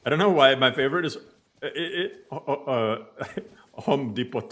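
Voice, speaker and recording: A man's voice: medium pitch, normal speed, fairly bright tone. A man from Bosnia chatting casually while streaming a game, playful and jokey, often mangling words on purpose for laughs. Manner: playful, jokey, mock mispronunciations. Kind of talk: casual gaming stream chat.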